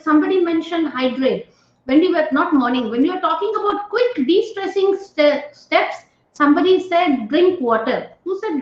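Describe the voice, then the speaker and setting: A woman's voice: high-pitched, reverberant, muffled recording. A woman giving an online stress management training and often checking in with her audience. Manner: engaging, often checks in with "right?" and questions to participants.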